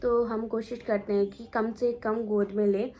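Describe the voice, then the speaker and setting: A woman's voice: on the high side, level tone, normal speed, dark tone. A young woman chatting casually for her home vlog, rambling and repeating herself as she talks. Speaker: family vlogger. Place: at home indoors.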